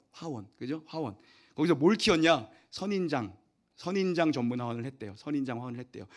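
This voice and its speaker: Male pastor, rapid-fire animated sermon delivery with a slightly raised pitch. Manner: animated, acts out voices and swings from loud to soft. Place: church sanctuary.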